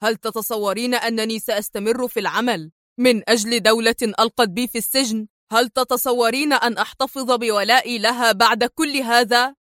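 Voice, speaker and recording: A woman's voice: a little high, fairly even intonation, fairly quick, fairly bright tone, dry recording, clean studio sound, lightly acted. A woman voicing a steely male secret agent in an audiobook, speaking in a stern, clipped, icy way. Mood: stern, cold. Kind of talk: audiobook character voice.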